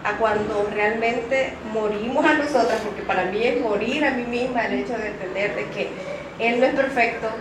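A woman's voice: on the high side, moderate pace. Distant woman in an echoey church. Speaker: pastor's wife. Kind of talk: testimony in a church service. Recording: roomy, distant mic, noise.

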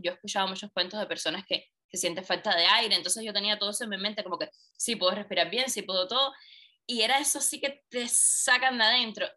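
A woman guest, telling a personal story in conversation and acting out the dialogue. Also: mid-range voice. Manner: animated, acts out quoted dialogue. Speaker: interview guest.

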